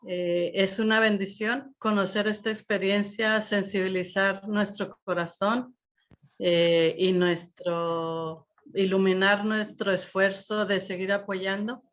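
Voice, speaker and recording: A woman, a volunteer introducing a guest in a hesitant way with many fillers. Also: mid-range voice. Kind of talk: spoken introduction. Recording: dull lo-fi audio.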